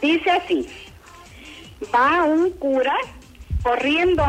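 A woman's voice: high voice, faint music behind. A woman calling a radio show, telling a joke. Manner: unhurried, lively storyteller. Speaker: caller. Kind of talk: phone-in joke.

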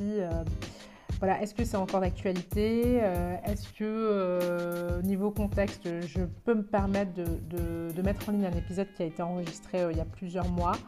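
A woman's voice: mid-range voice, fairly even intonation, normal speed, music in the background. A woman hosting a podcast, reading an upbeat intro and then chatting with frequent hesitations. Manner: clear, upbeat read intro, then chatty with many fillers. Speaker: podcast host. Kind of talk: podcast interview with scripted intro.

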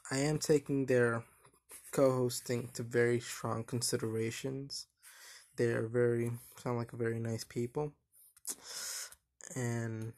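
A young man hosting a casual solo podcast, talking in a flat, monotone voice that rambles and hesitates with lots of fillers. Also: medium pitch. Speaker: podcast host.

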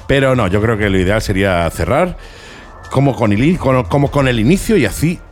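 A man's voice: mid-range voice, animated, fairly quick, a little hiss or hum. A man with a Málaga accent from southern Spain, hosting a casual computing talk show in a playful, colloquial way. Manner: playful, colloquial, fond of diminutives. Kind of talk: casual, jokey radio chat.

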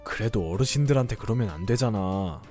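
A man's voice: on the low side, expressive, fairly quick, warm tone, soft background music, natural voice. A man voicing a defensive young husband. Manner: defensive, dismissive. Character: young husband siding with his mother. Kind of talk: dubbed cartoon story drama.

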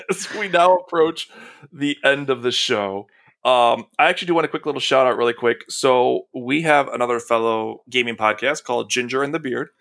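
A man's voice: mid-range voice, normal speed, gravelly, fairly bright tone. A young man co-hosting a casual podcast, swearing freely and laughing as he tells stories. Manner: swearing, laughing, acts out a dog's thoughts in quotes. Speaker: podcast co-host.

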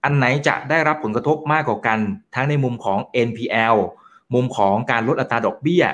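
A man hosts an interview and asks the questions in a chatty, lively way. He puts viewers' questions to the guest. His voice sits at an ordinary middle pitch. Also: fairly quick. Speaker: host.

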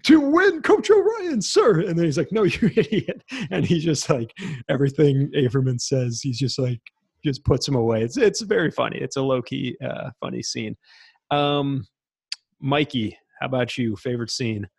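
A man's voice: normal speed, vocal fry, darkish tone, breathy edge, no room sound. A young man co-hosting a podcast, chatting casually and with enthusiasm about a movie, acting out lines from it. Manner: enthusiastic, acts out quotes in high voices. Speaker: podcast co-host.

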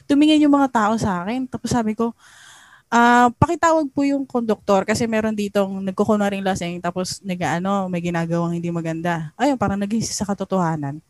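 A woman co-hosting a podcast, telling an animated story in casual chat and laughing often. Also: mid-range voice, brisk, no room sound. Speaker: podcast co-host.

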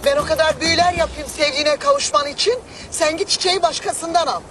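A woman's voice: extremely high pitch, big pitch swings, fast talker, fairly bright tone, soft background music, heavily acted. An actress playing a meddling auntie who works spells and scolds a young man, heard from a distance. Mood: scolding. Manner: scolding, reproachful.

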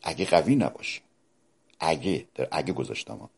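Husky preacher man with dramatic swings. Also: expressive. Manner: dramatic swings between loud exclamations and hushed low asides; addresses listeners directly with rhetorical questions. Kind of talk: sermon.

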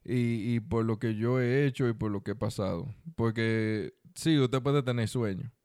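A man's voice: mid-range voice, measured pace, darkish tone, clear, resonant tone, no echo, clean studio sound. A man with a Dominican accent co-hosting a podcast, chatting casually in slangy speech and repeating phrases for emphasis as he gives advice. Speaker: podcast co-host. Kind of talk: casual conversational chat with advice to listeners.

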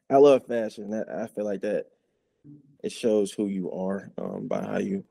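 A man's voice: fairly low pitch, slow pace, creaky, no echo. A young man from the Chicago area, a college football player, chatting casually and laid-back as a guest. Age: young adult. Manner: relaxed, laid-back, trails off softly. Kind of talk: casual interview chat.

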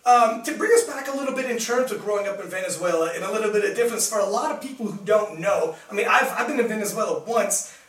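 Expressive and quick, this young Canadian man hosts a casual live interview show with lots of chat, laughter and fillers. His voice sits high with a fairly bright tone. The mic is set back at a distance, so the recording sounds roomy.

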